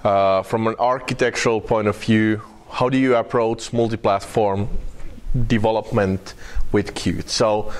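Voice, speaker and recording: A man with a Finnish accent presents a technical talk to a user group. He jokes dryly and often stops to restart his sentences, in a voice of ordinary pitch. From Finland. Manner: wry, halting, many fillers and restarts. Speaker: conference speaker.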